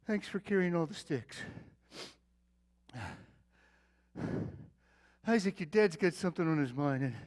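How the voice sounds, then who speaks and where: A man's voice: on the high side, animated, fast, a little mellow, lightly acted. A man acting as the aging patriarch Abraham, speaking in a theatrical monologue to his young son. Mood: tender. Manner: theatrical monologue, calling out, then tender and confiding. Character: aging male patriarch Abraham, weary and devoted father. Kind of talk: dramatic Bible-character monologue.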